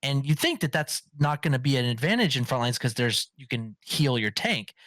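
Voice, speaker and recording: Guy hosting a gaming podcast, bright voice, dry close sound, rambles with lots of ums. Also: medium pitch, lively intonation, normal speed, no echo. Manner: rambling, lots of fillers and restarts. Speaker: podcast host. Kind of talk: casual gaming podcast chat.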